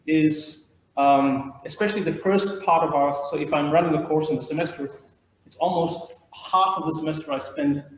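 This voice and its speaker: A man's voice: fairly high pitch, a little hiss or hum. Man lecturing in an echoey room. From India. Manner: explanatory, thinking aloud. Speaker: trainer. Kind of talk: training lecture. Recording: roomy echo.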